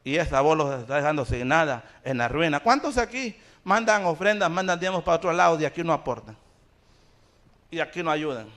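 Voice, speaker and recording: High-voiced man preaching a fervent sermon. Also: animated, brisk, fairly bright tone. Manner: preaching with rising intensity, rhetorical questions to the congregation. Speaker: pastor. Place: church.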